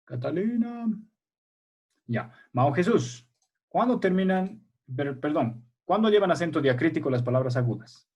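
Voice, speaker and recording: A male teacher runs an online language class with young pupils, speaking over a video call. His voice is dark and slightly husky. He is patient and encouraging and checks in often with his class. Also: on the high side, expressive, a little slow. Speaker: primary school language teacher.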